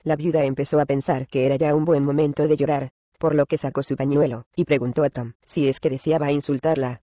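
A man narrating a classic story in Spanish, in measured storytelling style, addressing the listeners as gentlemen. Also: a little high, fairly even intonation, dry recording, lo-fi sound. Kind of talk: scripted narration.

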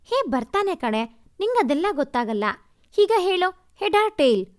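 A woman's voice: very high voice, sing-song, voice pushed up. A woman putting on a giggly, teasing young college girl. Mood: eager. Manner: giggly, teasing, drawn-out whining.

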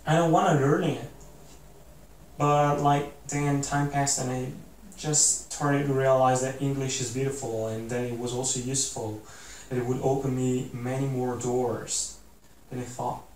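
A mellow, mid-range male voice with fairly even intonation and an unhurried pace: an Italian vlogger in his twenties, seated in an armchair indoors, giving an earnest, rambling motivational talk to camera full of "like"s and restarts. The camera mic sits a few feet off, so the room echoes and there's a faint hiss.

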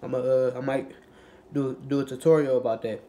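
A young man in a casual mukbang vlog, who rambles in a relaxed, low-energy way with lots of fillers and restarts and has a cold. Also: fairly quick. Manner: low-energy, laid-back. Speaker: YouTuber.

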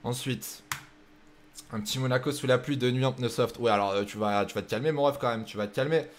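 Streaming live, this young man talks a little fast in a steady, medium-pitched voice, with slight background noise behind him. As host of a racing game night, he chats and jokes with viewers while working out the race setup out loud.

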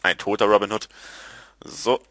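A man giving casual gameplay commentary, excitable and quick to curse, yelping at his failures. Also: fairly low pitch, no echo. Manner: excitable, yelps and groans at failures. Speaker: let's player.

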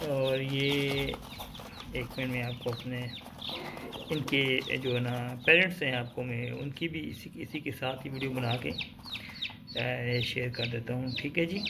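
A man's voice: medium pitch, background noise. A man, a poultry breeder hosting his channel, walking through a small chicken coop with a handheld phone. He talks casually and hesitantly, often adding "ji" and "mashallah". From Pakistan. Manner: repeats filler "ji" and "mashallah", hesitant pauses. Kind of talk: casual sales walkthrough video. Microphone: phone camera held while filming.

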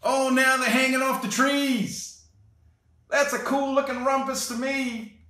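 This is a children's storytime read-aloud: a man with a fairly high, playful voice takes his time with a picture book, stopping between pages to laugh softly and make cheerful asides. He's in an armchair indoors, and because a camera on a tripod sits a few feet away, the sound is roomy and a little far off.

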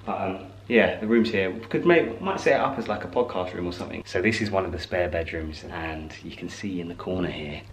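A man's voice: low voice, fairly quick, few pauses, slight background noise. A man giving a casual, chatty tour of his house, moving from room to room and joking as he goes. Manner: chatty, laid-back, jokey asides.

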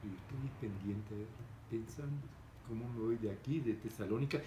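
Seated at an indoor table in a room hung with framed pictures, an older man with a lowish voice recounts a story at a moderate pace. He chats casually and animatedly, gesturing often and voicing each character. Background noise and echo fill the room.

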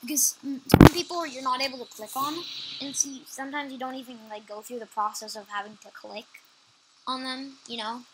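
A woman's voice: high-pitched, steady tone, very noisy. Chatty young-sounding woman gamer. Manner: chatty, quick to agree, trails off mid-sentence. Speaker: gameplay channel co-host. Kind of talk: casual gameplay chat. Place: at home playing on a computer.

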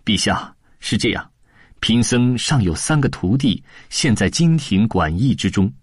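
Timid pious monk, read by a man; pleading, flustered, husky with lively pitch. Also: unhurried, no echo, studio quality. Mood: deferential. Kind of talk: storybook audiobook voice acting.

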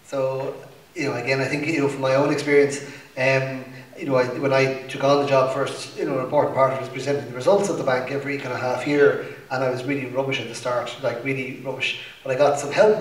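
A male bank executive talks quickly and loosely on a panel, leaning on "you know" and "kind of". His voice is roomy and slightly distant, picked up from across a hall. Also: medium pitch. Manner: relaxed, anecdotal, heavy use of "you know" and "kind of". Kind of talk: conference panel answer.

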